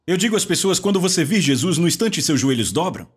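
Husky, animated male preacher. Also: on the high side, fast. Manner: animated, mocking mimicry of believers, rising to shouts. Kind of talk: sermon.

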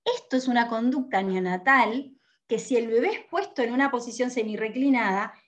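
A woman's voice: a little high, moderate pace. A woman, a lactation educator giving an earnest teaching talk and often ending points with a questioning tag. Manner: earnest, steady explaining, frequent questioning tags.

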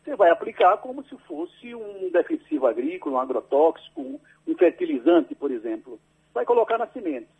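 A man's voice: sits high, huge pitch swings, fairly quick, creaky, husky, phone-quality sound. A man explaining his research to a radio host over a landline phone, patient and careful, often tagging his sentences with a questioning "right?". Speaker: agricultural researcher, interview guest.

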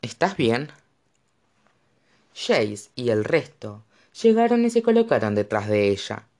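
Expressive male audiobook narrator. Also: lowish voice, moderate pace. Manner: dramatic, expressive. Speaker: audiobook reader.

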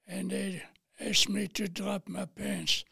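Really old french guy in his 90s, gravelly cracked voice, talks slow, telling stories from his life. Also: high voice, level tone, pushed and bright, no room sound, clean studio sound. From Paris, France. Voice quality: raspy, thin, breathy. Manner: plain, halting storytelling in non-native English. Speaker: interview guest, war veteran. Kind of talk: recounting personal memories in interview.

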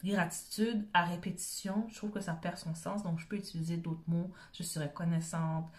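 At a moderate pace and level tone, a woman with a lowish voice and Quebec French accent gives an informal self-help pep talk, chatting conversationally and often checking in with brief tag questions.

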